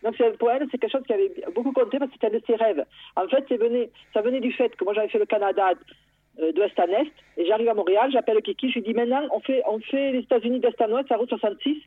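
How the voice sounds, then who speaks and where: A woman calling in to a radio show, telling a personal story in a lively way, often restarting her sentences. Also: a little high, fast talker, husky, no room sound. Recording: tinny phone line.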